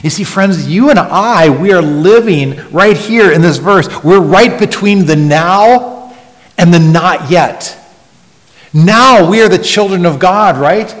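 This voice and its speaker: A male pastor delivers a slow, deliberate sermon in a somewhat high voice. He leans hard on key words, then drops to a near-whisper, circling back over his phrases. His voice rings with a long reverb, as if recorded in a church sanctuary. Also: animated. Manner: earnest, swings from loud emphasis to hushed near-whisper; repeats words in restarts.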